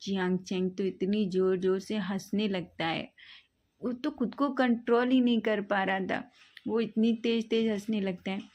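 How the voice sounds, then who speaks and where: Woman narrating a fan story, mellow warm voice, chatty. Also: mid-range voice, measured pace. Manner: casual, animated retelling.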